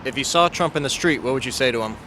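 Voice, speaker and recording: A man's voice: medium pitch, quick pace. A man conducting street interviews outdoors, asking direct, probing questions. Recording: street noise behind.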